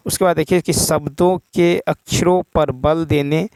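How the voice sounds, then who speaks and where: Gravelly male teacher. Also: a little high, measured pace, dry recording. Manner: steady explaining, often adds a checking "okay". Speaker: exam-prep teacher. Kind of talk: explaining exam questions.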